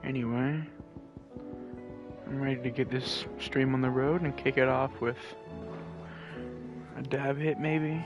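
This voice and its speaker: Man, laid-back late-night streamer, rambling, profane, close mic, gravelly, game music behind. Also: medium pitch, flat delivery, unhurried, long pauses, lo-fi sound. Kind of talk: casual live game commentary. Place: home at night. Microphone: close desk mic.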